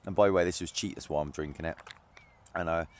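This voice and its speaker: A man's voice: sits low, steady tone, quick pace. A young man vlogging to a camera on a tripod while fishing outdoors by a lake. He chats casually, swears and laughs often.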